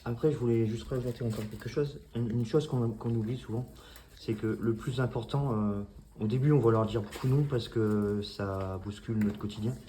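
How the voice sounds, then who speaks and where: A man's voice: medium pitch, fairly even intonation, moderate pace, mellow, echoey room, slight background noise. A man, a dog breeder, talking casually to camera about his puppies, hesitant with many fillers and restarts.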